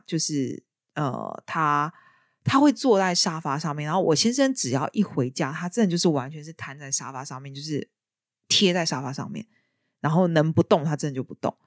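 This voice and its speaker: A woman chatting casually as a podcast host, telling her stories in a lively way. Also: low voice, no room sound, clean studio sound. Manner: lively storyteller. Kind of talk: casual chat.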